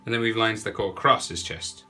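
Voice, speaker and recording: Speaking a little fast in a fairly low, nasal voice caused by a cold, a young man guides viewers through a drawing. He's a relaxed, chatty drawing tutor narrating step by step, with faint music behind him.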